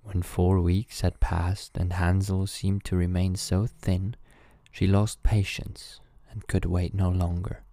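A man with a very low, dark voice reads a fairy tale aloud as a calm bedtime story. His delivery is measured and steady, recorded dry with no room sound. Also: dry recording.

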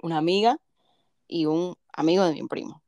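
A woman co-hosting a podcast, telling a story in a relaxed casual chat and laughing softly along the way. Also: sits low, normal speed, no echo. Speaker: podcast co-host.

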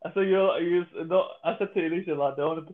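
A man chats casually in a fairly high male voice. He rambles, repeats himself and swears freely. The sound is thin and narrow, like a phone or online call. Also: quick pace. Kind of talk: casual group chat.

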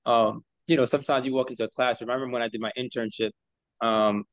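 A man hosting an interview in a relaxed, conversational way, affirming his guest and often saying "you know". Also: medium pitch, quick pace, no echo, lo-fi sound. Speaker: interview host. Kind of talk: casual interview talk.

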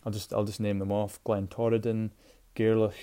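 A man with a Shetland Scottish accent talks casually as a solo podcast host. His voice sits fairly low and has a very soft, mellow tone. He is informal and enthusiastic, often circling back over his words. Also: level tone, moderate pace. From Shetland, Scotland.

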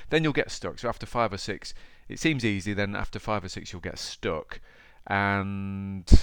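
A man's voice: lowish voice, fairly bright tone, clean tone, no room sound. A man with an East Midlands English accent hosting a podcast, talking informally and directly to the listener in a chatty motivational style. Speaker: podcast host.

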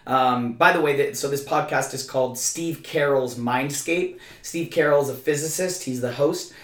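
A man's voice: medium pitch, normal speed, a bit bright. A man co-hosting a podcast in casual chat, stammering through restarts and talking emphatically. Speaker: podcast co-host. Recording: roomy echo.

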